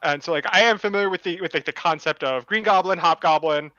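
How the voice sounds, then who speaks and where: Bright, hesitant man talking comics. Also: fairly high pitch, fast, no room sound, dull audio. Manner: rambling with many fillers. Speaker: podcast co-host. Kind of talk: casual chat about comics.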